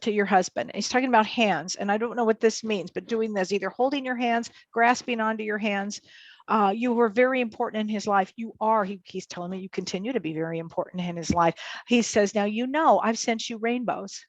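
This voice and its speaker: A woman's voice: mid-range voice, steady tone, brisk, dry recording, poor audio. A woman working as a psychic medium, relaying messages hesitantly in short, restarting phrases. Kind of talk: live mediumship reading.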